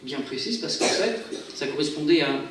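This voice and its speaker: A man's voice: a little high, lively intonation, moderate pace, fairly bright tone. A chatty man talks to a church gathering, stumbling and repeating words as he goes. His voice is far from the mic and rings through a very echoey hall, with faint noise behind it. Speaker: guest singer at a church. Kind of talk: casual spoken introduction to a song.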